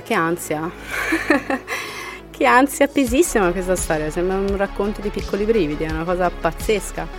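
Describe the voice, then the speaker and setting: A woman hosting a podcast, reading listener horror stories and reacting with laughs, sometimes sinking to a whisper for the eerie parts. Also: sits low. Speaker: podcast host.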